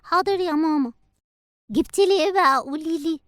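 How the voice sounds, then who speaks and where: A woman with an Egyptian accent voicing an impatient little girl in a cartoon, whiny and quick to complain. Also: extremely high pitch, fairly bright tone, no room sound. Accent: Egyptian Arabic. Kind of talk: cartoon voice acting.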